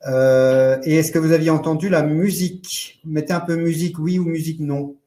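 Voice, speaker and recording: A man's voice: on the high side, fairly even intonation, warm tone, distant mic. Man giving a roomy webinar lesson. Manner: loose, halting explanation with many fillers and restarts. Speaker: presenter of a parents' training webinar. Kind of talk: live online webinar presentation. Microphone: computer mic in a webinar. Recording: roomy echo.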